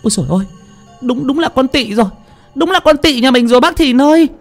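A man's voice: very high voice, expressive, quick pace, faint music behind, voice pushed up. A man voicing a tearful older village woman who cries out. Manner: wailing cries.

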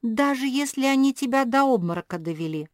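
A woman's voice: high-pitched, animated, brisk, no echo, clean studio sound, voice pushed up. A woman voicing a playful, teasing adult female dog in an audiobook. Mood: uneasy.

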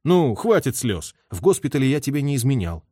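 A man's voice: mid-range voice, very animated, fairly quick, mellow, breathy edge, no echo, clean studio sound, pitched above the performer's own voice. A man voicing a young male artillery officer who talks in an insistent, half-joking way. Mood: coaxing.

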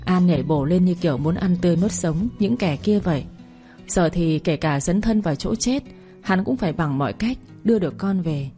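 Low, mellow woman narrating a story. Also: moderate pace. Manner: steady, dramatic storytelling. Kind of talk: scripted audio story narration. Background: faint music.

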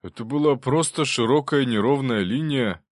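A man reading an audiobook, voicing a nervous medical expert who answers in a measured, careful way. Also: mid-range voice, dry recording, clean studio sound, pitched above the performer's own voice, close to an everyday voice.

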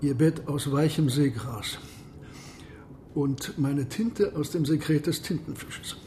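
Captain Nemo, an imperious, bright-voiced submarine captain. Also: male voice, fairly high pitch, slight background noise. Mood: reverent, fervent. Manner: measured, formal, imperious. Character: proud, secretive, commanding submarine captain. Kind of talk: radio drama acting.

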